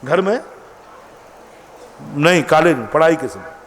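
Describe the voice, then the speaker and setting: High-voiced man giving an emphatic sermon. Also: expressive, measured pace, a bit bright. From India. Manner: emphatic, rhetorical questions to the audience. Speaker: Jain monk preacher.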